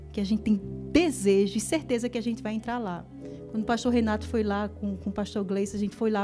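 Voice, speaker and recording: A middle-aged woman minister, preaching a sermon in a church, moving between fervent proclamation and chatty storytelling. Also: medium pitch. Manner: animated, preaching fervently then telling a story conversationally.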